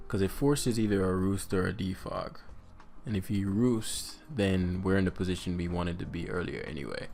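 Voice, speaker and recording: A man's voice: low voice, gravelly. A man giving casual live commentary on his own competitive game, thinking aloud and muttering with lots of fillers.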